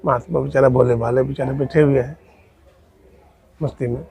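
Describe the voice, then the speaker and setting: A man's voice: medium pitch, fairly even intonation, normal speed, gravelly, warm tone, breathy edge. A man preaching a sermon as a spiritual teacher, telling a story and asking rhetorical questions. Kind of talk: Hindi sermon with acted dialogue.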